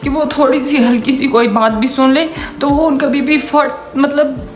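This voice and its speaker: Brief: aggrieved woman in an echoey clip with faint music under her, high-pitched. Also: steady tone, normal speed. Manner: upset, complaining. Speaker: family member in a played clip.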